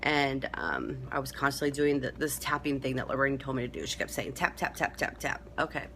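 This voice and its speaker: A woman with a low, bright-edged voice gives a rambling, chatty update straight to camera, full of ums and uhs. A faint hiss of background noise sits under her voice. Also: a little fast. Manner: rambling, chatty, many fillers. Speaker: vlogger. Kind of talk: casual update vlog to camera.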